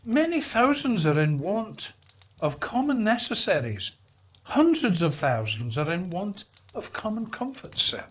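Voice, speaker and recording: A man voicing a polite, earnest gentleman in a storybook reading, speaking formally and courteously. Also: high voice, very animated, unhurried, breathy edge, voice pushed up, exaggerated voice.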